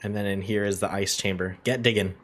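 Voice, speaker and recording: Very low-voiced playful woman streamer. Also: fairly even intonation, fast, music in the background. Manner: playful, teasing, laughs often. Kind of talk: casual gaming stream chat.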